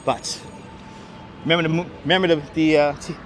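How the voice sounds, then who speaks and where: The voice is a little high, brisk, and fairly even in intonation: a man with a thick Brooklyn, New York accent leading a livestream walking tour, chatting casually with viewers and offering street commentary. He walks outdoors on busy Manhattan streets, and the recording clearly picks up city traffic, vehicles and street ambience.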